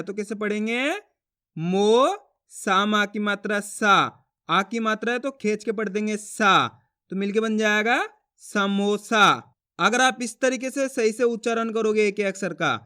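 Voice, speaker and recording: A man with a notably high, bright and very clean voice gives a step-by-step reading lesson. He keeps asking questions and answering them himself, and he stretches each syllable out slowly. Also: clean tone. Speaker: Hindi reading teacher.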